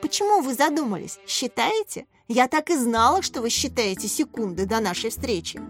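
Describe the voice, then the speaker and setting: A woman reading the part of a kind, playful young schoolteacher in a storybook, in a gentle, teasing way. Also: on the high side, animated, moderate pace, faint music behind, close to an everyday voice.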